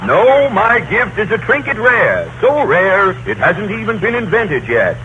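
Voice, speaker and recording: An actor playing a grumpy, folksy old Santa Claus in 1930s radio comedy, with rustic, ungrammatical speech. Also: male voice, high voice, huge pitch swings, a little slow, sharp tone, muffled recording, full character voice. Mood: jolly. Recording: noisy 1930s radio broadcast recording.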